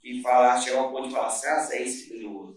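Talking very fast in a flat, medium-pitched voice, a Brazilian Portuguese-accented man who runs a restaurant and bakery shares his story in a casual interview. He is earnest but rambles and restarts a lot, and a distant mic picks him up in an echoey room.

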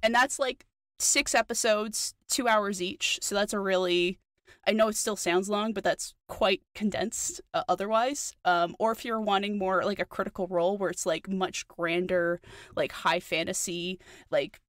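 A woman's voice: medium pitch, fairly even intonation, moderate pace, fairly bright tone, no room sound, studio quality. A woman with a New Zealand accent co-hosting a podcast, chatting eagerly with lots of fillers. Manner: chatty, enthusiastic, many fillers. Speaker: podcast co-host. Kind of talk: casual chat.

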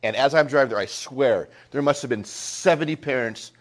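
A middle-aged man with a voice of ordinary pitch speaks to a small group of parents. He tells a story in an animated, anecdotal way and keeps checking in with the room through quick asides. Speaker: school presenter speaking to parents. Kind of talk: storytelling talk to a small audience.

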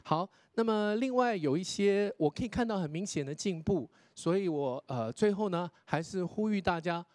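Animated high-voiced man giving feedback. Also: normal speed, few pauses, no room sound. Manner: explanatory, demonstrates English pronunciation, tags sentences with 哈. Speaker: contest judge and English pronunciation lecturer. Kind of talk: spoken critique to contestants.

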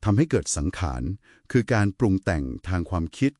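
A man serves as the explainer in a two-person talk on Buddhist scripture, polite and didactic. His fairly low voice is sing-song, brisk, a little mellow, and slightly rough. The clean studio recording has no echo.

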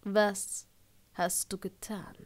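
A woman voicing a tart, caring older female witch professor, with a sharp, dry wit, in an audiobook. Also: mid-range voice, flat delivery, takes it slowly, natural voice. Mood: weary.

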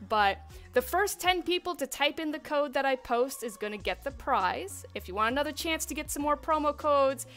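A woman's voice: high-pitched, lively intonation, moderate pace, fairly bright tone, faint music behind. A young woman hosting a casual livestream, chatting upbeat and laughing often while she reads the chat and eats spicy wings. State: mouth burning from spicy wings. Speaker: livestream host for a game studio.

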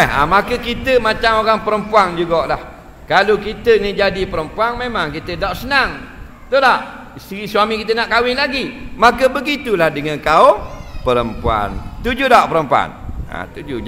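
A man's voice: a little high, pushed and bright. A man giving a humorous religious lecture in a mosque, often checking whether listeners understand. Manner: jokey, keeps asking the crowd if they understand. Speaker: Islamic religious teacher. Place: large mosque hall. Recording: reverberant mosque hall, faint noise.

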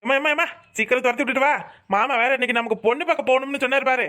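ஒரு பெண் நடிக்கும் அலட்சியமான இளம் கணவன். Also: female voice, high voice, very fast, sharp tone. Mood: dismissive. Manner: dismissive, whiny. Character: dismissive young husband, mother's boy.

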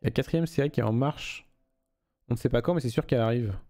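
A man's voice: mid-range voice, fast talker, warm tone, faint music behind. A young man streaming a game live, reading the story aloud and chatting loosely with viewers, swearing freely.

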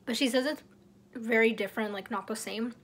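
A woman's voice: a little high, fairly quick, fairly bright tone, husky. A young woman chatting casually to the camera in a vlog, rambling and now and then dropping to a whisper. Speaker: vlogger.

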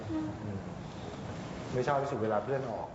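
A man's voice: mid-range voice, steady tone, moderate pace, background noise. A man, a singing coach, chatting casually and teasing, laughing often and slipping into coarse slang. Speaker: singing coach on a reality show. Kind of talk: casual studio chat. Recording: roomy hall with audience, dull sound.

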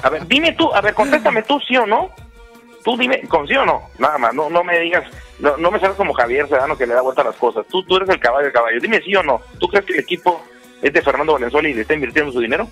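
A man's voice: fairly high pitch, animated, quick pace, a bit bright, husky, soft background music. A man with a Mexican accent, a panelist in a heated baseball debate, pushing the others with teasing yes-or-no questions. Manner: pushy, teasing, demands yes-or-no answers.

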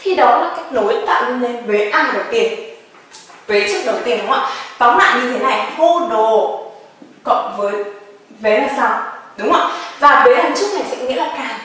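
A woman teaches a grammar lesson in a high voice. She drills each word slowly and keeps asking her students questions. She sounds far from the mic, in a very echoey room. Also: expressive, a bit bright. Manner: drills words slowly, asks the class questions often. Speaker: Japanese language teacher.

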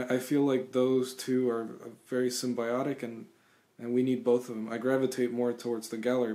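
A man in his thirties, born in Cuba, answering interview questions thoughtfully over a video call from a small room at home, with frequent pauses and restarts. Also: mid-range voice, a little mellow. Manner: thoughtful, halting, many restarts and fillers. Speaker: guest musician. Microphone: webcam on video call.

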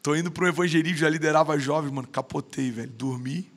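Talking fast with a voice on the high side, a thirtysomething man with a Brazilian Portuguese accent tells stories as a podcast guest. The conversation is casual, and he's slangy and emphatic, saying "mano" again and again.

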